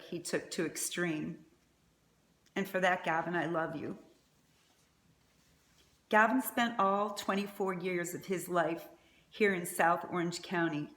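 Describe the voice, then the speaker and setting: A middle-aged woman giving a prepared eulogy as a mother, speaking in a tender, faltering way. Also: fairly low pitch. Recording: echoey room.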